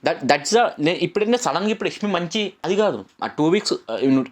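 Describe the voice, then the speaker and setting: A man's voice: fairly high pitch, animated. A young man giving a casual, opinionated reality show review, repeating himself and mixing in English words. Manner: rapid, repetitive, mixes English words, argumentative.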